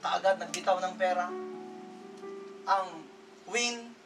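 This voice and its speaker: A man's voice: high-pitched, fairly even intonation, slow. Man, pastor, dramatic stage sermon, distant mic, guitar underneath. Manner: dramatic storytelling, swings from loud exclamations to hushed lines. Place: stage before an audience.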